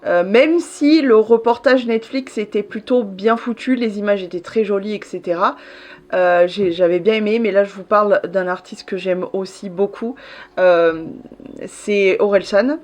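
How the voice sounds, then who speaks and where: A woman's voice: medium pitch, a little slow, a little mellow. Chatty French-speaking woman vlogger. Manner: chatty, many fillers and restarts. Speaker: YouTuber reviewing series. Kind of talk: casual chat to camera.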